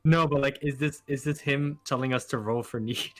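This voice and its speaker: A man's voice: mid-range voice, fairly even intonation, moderate pace, soft background music, poor audio. A man playing a tabletop fantasy game, chatting casually with crude, irreverent joking.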